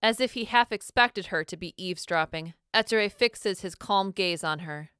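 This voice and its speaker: Smooth-voiced woman reading a story. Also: on the low side, moderate pace, dry recording, clean studio sound. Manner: expressive, dramatic reading. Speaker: narrator. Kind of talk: scripted storybook narration.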